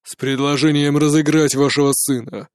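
A man reading an audiobook, voicing a stern male investigator who asks slow, pressing questions. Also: fairly high pitch, level tone, darkish tone, clear, resonant tone, no echo, studio quality, voice pushed down, lightly acted. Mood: probing.

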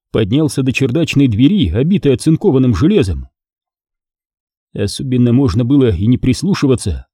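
Man, audiobook narrator, lively intonation, dark tone, detective story. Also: mid-range voice, slightly rough, dry recording, clean studio sound. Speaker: audiobook reader. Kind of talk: first-person detective narration.

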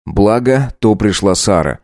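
A man narrating a dark audiobook in a steady storytelling voice. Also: lowish voice, measured pace, no room sound, studio quality.

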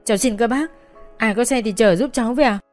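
A woman's voice: mid-range voice, brisk, soft background music, pitched above the performer's own voice, lightly acted. A woman voicing a young woman who cries and begs bystanders for help. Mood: pleading, tearful. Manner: tearful, begging, shouting.

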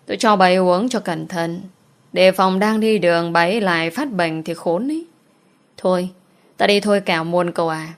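A woman voicing a careful older man who speaks calmly and plainly. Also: lowish voice, normal speed, lightly acted.

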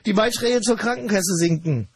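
A male radio host talking fast in a studio, ranting with mock outrage at a caller. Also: sits high, husky, no echo. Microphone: studio mic with headphones.

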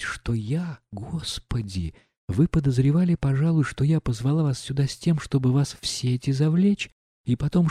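A male reader voicing a proud, impulsive young noblewoman in an audiobook, agitated and quick to flare up. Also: on the high side, mellow, slightly rough, dry recording, studio quality, voice pushed up. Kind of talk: audiobook reading.

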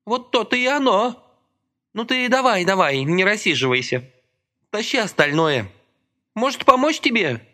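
Brief: man doing high, lively, brash mocking woman, blunt and sardonic. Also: unhurried, pauses often, heavily acted. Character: coarse, mocking working woman, loud.

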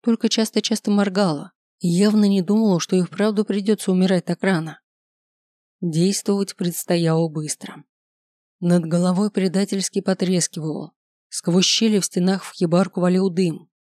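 A reader narrating a fantasy audiobook in a steady, expressive way. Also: medium pitch, moderate pace, no echo, studio quality. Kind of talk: scripted narration.

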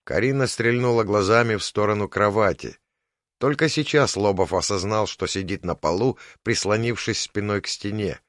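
A man reading an audiobook in scripted narration, measured and even. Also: fairly low pitch, no room sound, studio quality.

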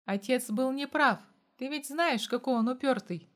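A woman's voice: high voice, normal speed, close to an everyday voice. A woman reading the lines of an eager, pushy young man who talks in a rush, in an audiobook. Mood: defiant.

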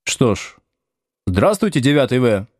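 A man's voice: mid-range voice, sing-song, unhurried, no echo, clean studio sound. A man voicing a stern, curt young teacher. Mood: calm greeting. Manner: curt, commanding. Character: young male schoolteacher, stern and dry.

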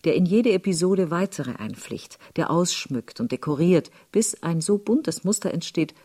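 Low dark-voiced female documentary narrator. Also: expressive, normal speed, husky. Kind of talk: scripted narration.

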